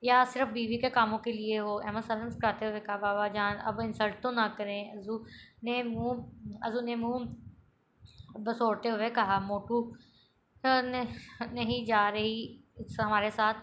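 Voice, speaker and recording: This reader has a fairly high, fairly bright voice with a level tone, reading at normal speed over a little hiss or hum. She reads a romantic novel aloud, voicing every character plainly as herself, with small stumbles and restarts.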